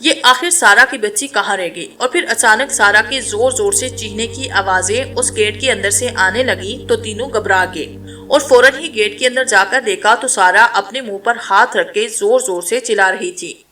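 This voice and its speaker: Woman reading a scary story, bright voice, faint music behind, kinda distant mic. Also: mid-range voice, normal speed. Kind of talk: horror story narration.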